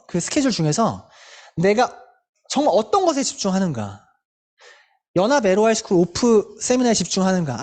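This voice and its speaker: Leading a motivational meeting for her sales team, a woman with a fairly high, slightly mellow voice speaks emphatically. She keeps returning to rhetorical questions and is frank about what she struggled with before.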